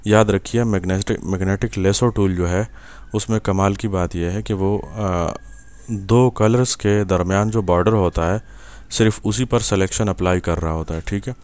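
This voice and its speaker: A young Pakistani man with an Urdu accent gives a patient, step-by-step screen-recorded software lesson at his computer, often checking in with the viewer. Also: sits low, steady tone. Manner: patient, step-by-step, many fillers and "ٹھیک ہے" checks. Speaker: software instructor.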